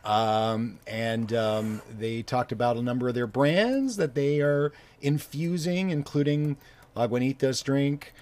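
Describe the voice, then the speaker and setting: A man co-hosting a casual chat show, talking haltingly with many fillers and restarts. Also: mid-range voice, darkish tone. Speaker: co-host.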